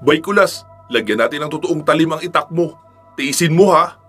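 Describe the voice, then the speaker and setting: A man's voice: a little high, lively intonation, slightly rough, soft background music, voice pushed up. A man putting on a brash young fighter's voice. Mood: teasing. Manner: loud, quick and teasing. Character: brash young male fighter, cocky and teasing.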